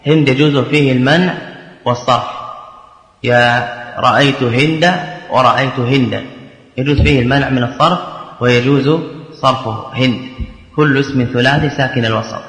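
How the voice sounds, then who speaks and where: A man teaching grammar, explaining a verse text line by line, asking and answering his own questions and repeating key phrases slowly. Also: medium pitch, fairly even intonation, a bit bright. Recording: echoey hall with long reverb.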